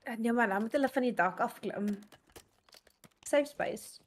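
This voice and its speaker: A woman's voice: on the high side, normal speed. A woman with a South African accent giving casual co-commentary on a live gaming stream. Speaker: livestream co-commentator.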